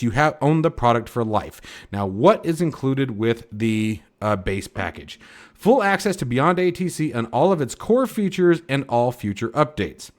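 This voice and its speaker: Emphatic man explaining casually. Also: medium pitch. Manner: emphatic, peppers lines with "okay?". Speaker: flight sim YouTuber.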